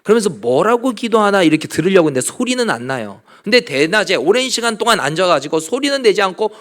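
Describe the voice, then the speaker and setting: Lively, high-voiced male pastor preaching. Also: quick pace. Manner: lively, acts out quoted speech in different voices; drops to a whisper to show silent prayer. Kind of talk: sermon at a midweek prayer meeting. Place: church sanctuary.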